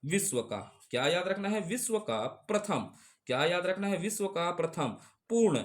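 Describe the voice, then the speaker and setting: A man's voice: sits high, expressive, normal speed. A male teacher giving an exam-prep computer lecture, repeating key terms and asking and answering his own questions. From Chhattisgarh. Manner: repetitive call-and-response drilling.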